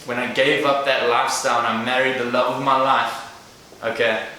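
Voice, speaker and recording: This man, a South African guest speaker in his thirties, talks to a live audience at a moderate pace, his mid-range voice level and sharp. The motivational talk is earnest and direct, recorded from a distance in a large, echoing room with faint noise.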